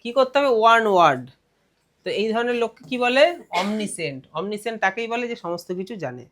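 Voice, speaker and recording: A male teacher with a Bengali accent leads a classroom grammar lesson. He reads English phrases out slowly, then explains them briskly, and keeps posing questions to his students. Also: high voice, lively intonation, fairly bright tone.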